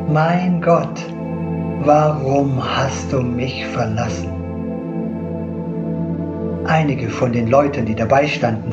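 A man reads a scripture passage solemnly, slowly and a little high. The sound is muffled, and loud, soft new-age music plays under him. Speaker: scripture reader.

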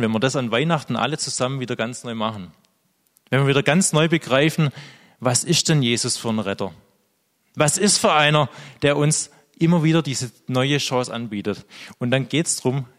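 A man's voice: medium pitch, a bit bright, in a large hall. A man preaching a sermon, speaking earnestly and directly to the congregation.

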